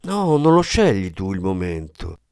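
Hard threatening ex-cop, read by a guy, low voice, dry close mic. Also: sing-song, a little slow, smooth, no room sound, full character voice. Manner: menacing, forceful, low.

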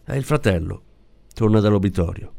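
A man's voice: lowish voice, lively intonation, moderate pace, vocal fry, mellow. A man voicing a matter-of-fact male police officer with a dry, terse manner.

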